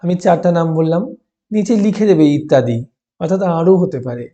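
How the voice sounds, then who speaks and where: Very dark-toned male teacher dictating answers. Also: a little high, animated. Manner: dictating slowly in short pieces, repeating phrases and punctuation; instructive, prompts with questions then answers them. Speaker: teacher explaining class 5 textbook answers. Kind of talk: school lesson, dictating answers to write down. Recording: dull, muffled lo-fi recording.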